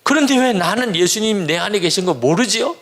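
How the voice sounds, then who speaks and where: A gravelly-voiced man voicing a distraught teenage girl who shouts desperate questions through her tears. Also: high-pitched, animated, brisk, pitched above the performer's own voice. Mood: anguished.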